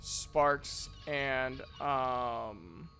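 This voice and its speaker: A man's voice: mid-range voice, drawn-out words, pushed and bright. A young man giving casual gameplay commentary as a streamer, rambling and joking with lots of fillers. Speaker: streamer and voice actor. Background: game music.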